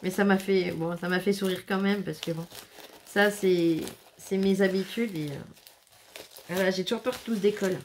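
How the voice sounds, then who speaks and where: A woman's voice: mid-range voice, steady tone, moderate pace, slight background noise. A woman chatting casually as she unboxes handmade scrapbook albums, exclaiming and laughing often. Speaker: scrapbooking vlogger.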